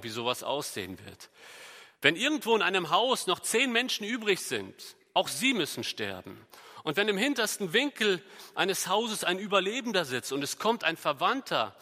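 A middle-aged man preaching a sermon, reading scripture aloud and moving between loud emphasis and quiet asides. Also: on the high side. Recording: long hall reverb.

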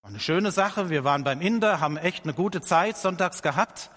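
A middle-aged man preaching a sermon. He speaks earnestly, slows down to stress his points and lifts his voice when quoting scripture. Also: a little high, lively intonation, a bit bright. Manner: earnest, slows down for emphasis, quotes scripture with rising voice. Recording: long hall reverb.

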